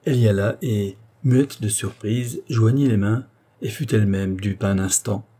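Mellow, husky male storyteller. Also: on the low side, moderate pace. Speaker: narrator. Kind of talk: audiobook narration of a children's tale.

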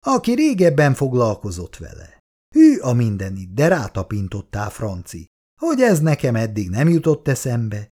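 A man's voice: mid-range voice, huge pitch swings, dark tone. A man voicing a stern older husband and father who speaks drily and commands. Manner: dry, commanding.

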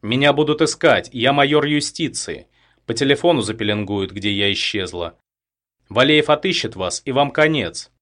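A man voicing a frightened but defiant female investigator, pleading and shouting. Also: fairly low pitch, animated, a little fast, few pauses. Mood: desperate, defiant. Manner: pleading, shouting in raised tones.

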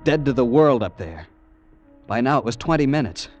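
Guy doing an uneasy young fiance telling it first person, really lively pitch, music playing under. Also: moderate pace, highs cut off, lightly acted. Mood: tense. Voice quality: earnest, tense first-person storytelling. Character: young man, anxious fiance turned narrator. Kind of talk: 1940s radio acting and narration. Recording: old radio recording with music underneath.

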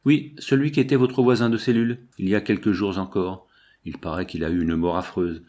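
A man voicing a kind-hearted, chatty jailer who talks in a hushed, confiding way. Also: sits low, steady tone, fairly quick.

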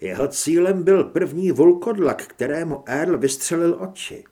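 A man's voice: on the high side, warm tone. A man reading an audiobook in a dramatic, varied way as the narrator. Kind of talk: scripted narration.

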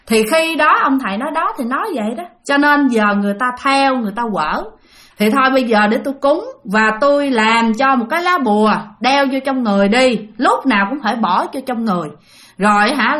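A woman's voice: a little high, expressive, fairly quick, fairly bright tone. A woman hosting a channel, telling listener-sent ghost stories in a chatty way and often speaking to her audience directly. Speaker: storytelling channel host. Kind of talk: spoken ghost-story narration.

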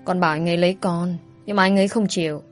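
A woman's voice: lowish voice, steady tone, fast talker, soft background music, close to an everyday voice. A woman voicing a blunt, teasing young woman. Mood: pleading.

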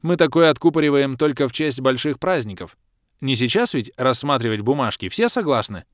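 A man voicing a commanding, sharp-tongued baroness in an audiobook. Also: mid-range voice, lively intonation, dry recording, studio quality, voice pushed up, natural voice. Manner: brisk and imperious. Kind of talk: audiobook character voice.

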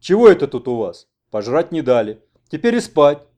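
A gruff old village grandfather, curt and grumbling, as a male reader plays him. He barks his lines a bit higher and louder than the narration. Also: big pitch swings, normal speed.

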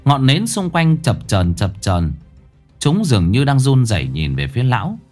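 A man narrating a ghost story in a dramatic, expressive way. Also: mid-range voice, normal speed. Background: faint background music.

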